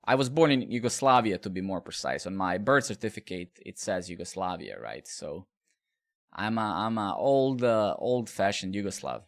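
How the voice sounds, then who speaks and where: A middle-aged Serbian man with a fairly low, sing-song voice and some vocal fry speaks at a moderate pace. Coding live, he rambles, swears casually and chats with his viewers.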